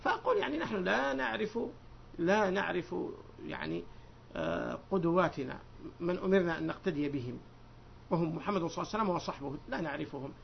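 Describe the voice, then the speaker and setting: In this dull lo-fi lecture recording with slight background noise, a sheikh teaches a hadith book to his students. He sounds animated and fast with some vocal fry, reading narrations loudly before dropping to a lower conversational tone to explain them. He wanders into digressions and quizzes his students.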